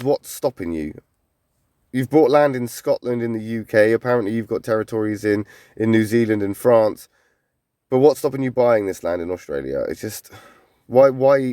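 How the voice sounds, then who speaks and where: A man's voice: medium pitch, darkish tone, no echo, studio quality. A man reacting to videos in casual commentary, blunt and skeptical. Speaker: micronation reviewer.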